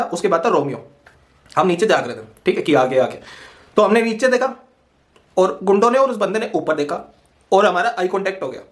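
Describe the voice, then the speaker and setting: A young man casually telling a funny personal story, lively and laughing often as he acts out what people said. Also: sits high.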